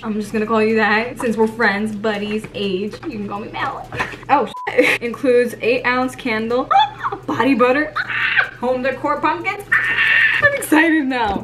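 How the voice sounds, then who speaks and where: A young woman in her twenties chatting casually while unboxing packages, excitable and gushing, with swearing, squeals and laughs. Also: a little high, noisy background. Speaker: vlogger.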